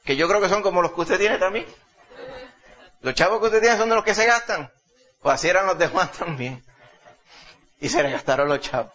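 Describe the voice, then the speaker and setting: A man's voice: high voice, expressive, moderate pace, long pauses, bright, forceful tone. A man preaching a sermon in an emphatic way, often calling the listeners brother. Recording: dull lo-fi recording.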